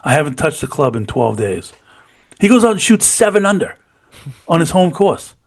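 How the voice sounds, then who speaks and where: A middle-aged man co-hosts a podcast, chatting casually and enthusiastically about golf and often saying "you know what I mean." His voice is on the high side, very animated, at normal speed.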